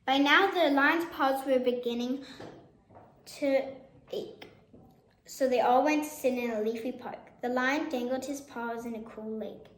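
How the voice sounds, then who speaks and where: A woman's voice: high-pitched, measured pace. A woman storyteller reading a children's picture book aloud. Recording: echoey room.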